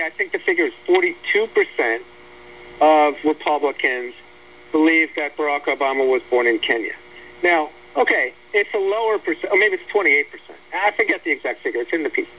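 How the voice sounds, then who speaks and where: An American man appears as a guest on a talk radio show to discuss an article he wrote, offering blunt, emphatic and argumentative political opinions. His voice is a little high, fairly quick and sharp. The audio is dull lo-fi radio sound with a faint hum.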